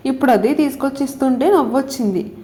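A stubborn little schoolgirl digs in her heels in a storybook tale, her high voice insistent. A woman reads her part in her own narrating voice. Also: quick pace, warm tone, natural voice. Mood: dismissive. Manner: sulky, insistent demands. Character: stubborn young schoolgirl, fifth grader.

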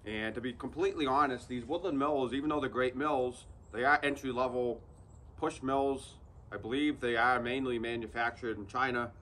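Speaking at a moderate pace with fairly even intonation, a man with a medium-pitched, fairly bright voice presents a casual how-to vlog, with slight background noise. He's a channel host in his thirties, walking viewers through a practical build outdoors under an open sawmill shed in the woods.

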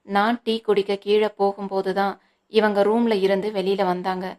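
A woman's voice: medium pitch, little pitch movement, moderate pace, a little mellow, close to an everyday voice. A woman reading the lines of a composed, formal young man in a storybook, explaining himself evenly.

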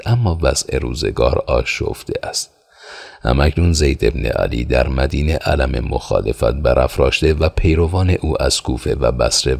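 A man voicing a thoughtful, well-informed young man in an audiobook, explaining things calmly and evenly. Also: extremely low pitch, gravelly, slightly rough, exaggerated voice. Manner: calm, measured explaining.

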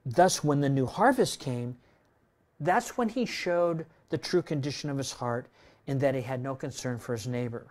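A pastor in his sixties preaches in a church room with a projector screen, using a medium-pitched voice at normal speed. His style is conversational, sprinkled with tag questions like "right?", and his volume swings between loud and soft.

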